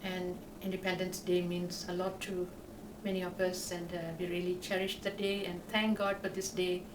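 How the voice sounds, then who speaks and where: An older woman answering interview questions in a devout, halting way, recorded from a distance in an echoey, noisy space. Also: fairly low pitch, little pitch movement. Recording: echoey, far from mic, noisy background.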